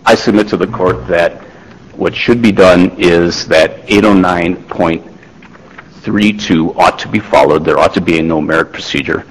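A man, a lawyer, making a formal oral argument before a court, measured, with restarts and fillers. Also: deep voice, big-room sound, low-quality recording. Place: large courtroom.

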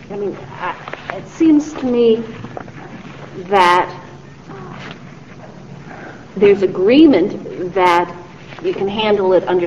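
A woman, a judge, questioning a lawyer deliberately, thinking aloud as she frames the point. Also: on the low side, darkish tone, dull audio, a little hiss or hum. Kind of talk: courtroom questioning.

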